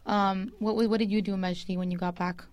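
A woman's voice: medium pitch, steady tone, darkish tone, no echo. A woman co-hosting a casual podcast discussion, speaking firmly and emphatically, with frequent agreement. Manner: firm, emphatic, quick to agree.

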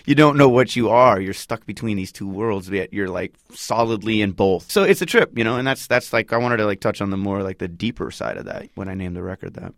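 A man's voice: on the low side, expressive, fairly quick, hardly any pauses, no echo, studio quality. A man in his thirties from Northern California with a Northern Californian accent, talking loosely and casually as a musician guest in an interview. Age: 30s. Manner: laid-back, loose slangy talk full of likes and you-knows.

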